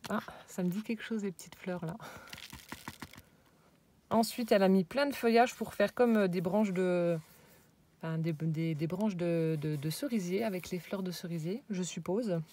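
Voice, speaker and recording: A woman casually showing a handmade scrapbook album, hesitant and searching for words, and often dropping into soft, admiring whispered asides. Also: fairly low pitch, moderate pace. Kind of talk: casual show-and-tell.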